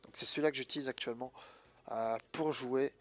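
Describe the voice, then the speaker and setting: A gaming host, sick and stuffed-up, comments on gameplay briskly in a steady mid-range voice that's nasal and congested. His commentary is casual and colloquial, and he hesitates as he thinks out loud.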